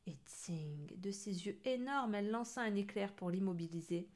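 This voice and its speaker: A woman tells a children's story with lively expression. She reads as a storyteller and shapes each line for young listeners. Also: mid-range voice, moderate pace. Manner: expressive, animated reading.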